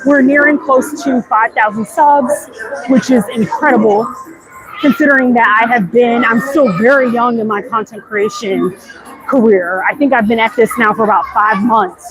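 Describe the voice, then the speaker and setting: Walking outdoors through a crowded theme park, an American vlog host livestreams with chatty enthusiasm and talks to viewers in slang. Her voice is a little high. The low-quality live recording has clearly audible theme park sounds around her.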